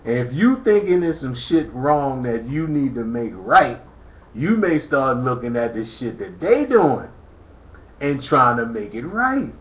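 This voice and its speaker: A man's voice: mid-range voice, very animated, measured pace. A man lecturing emphatically in a preachy monologue, hammering the same rhetorical questions again and again. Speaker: commentator. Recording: echoey, dull lo-fi recording.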